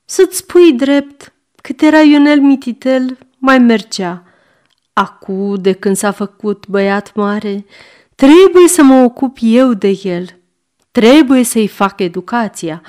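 A woman's voice: fairly high pitch, lively intonation, a little mellow, natural voice. A woman voicing a fussy, doting mother who chats gushingly in a storybook reading. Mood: chatty. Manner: gushing, fussy, fond of her son. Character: doting, fussy middle-aged mother, chatty lady.

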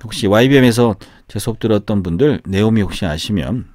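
A man's voice: lowish voice, darkish tone, no room sound, clean studio sound. A middle-aged man teaching English pronunciation in a casual lesson, repeating words with exaggerated stress.

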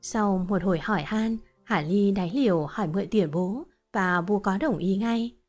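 A woman reading a short story as narrator in a steady, even storytelling voice. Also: medium pitch, normal speed, soft background music.

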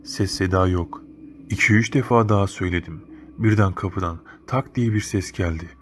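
A man's voice: low-pitched, normal speed. A man narrating a first-person horror story in a casual, slangy, matter-of-fact way. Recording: noticeable background noise.

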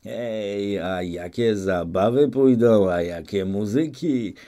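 A man's voice: fairly low pitch, warm tone. A man reading an audiobook, voicing a rowdy, boastful young peasant dreaming of feasts and weddings.

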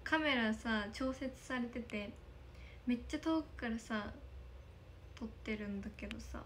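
Reading through her viewers' comments at a measured pace, this young idol livestreamer giggles and thanks them again and again. Her voice is a little high, and the phone-camera audio carries a slight hiss or hum.

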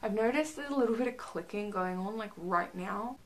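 A woman's voice: medium pitch, brisk. A young woman chatting casually to camera in a rambling, hesitant way, her articulation a little restricted by a stiff jaw after surgery. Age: young adult. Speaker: vlogger. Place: small bedroom, indoors.

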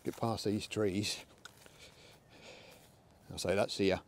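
His voice is lowish, flat, and slow: a middle-aged Englishman chatting casually in a windy field as he shoots an air rifle and speaks to his dogs. Recording starts on a tripod-mounted camera, then switches to handheld.

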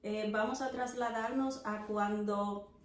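A woman's voice: mid-range voice, fairly even intonation, slow, reverberant. A middle-aged woman hosting a podcast interview, asking questions with many fillers. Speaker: podcast host. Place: living room on a sofa, indoors.

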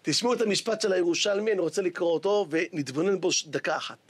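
A male rabbi delivering a sermon as a dramatic story, exclaiming and sometimes shouting for emphasis. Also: high-pitched, breathy edge.

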